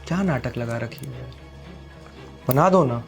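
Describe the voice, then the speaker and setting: In this dramatic short film, a young man portrays Sahil, a rich boyfriend who lectures and scorns others and gets loud in arguments. His mid-range voice is animated and a bit creaky, delivered at a measured pace with faint music underneath.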